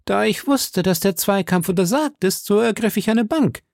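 A man's voice: sits high, animated, moderate pace, creaky, dry recording, clean studio sound, pitched above the performer's own voice. A man voicing a blunt, boastful musketeer in an audiobook. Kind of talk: audiobook reading.

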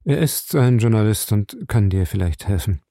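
A man's voice: lowish voice, animated, normal speed, dark tone, no room sound, studio quality. A man doing a weary, dejected rich father. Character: tired, dejected wealthy father. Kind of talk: audiobook reading.

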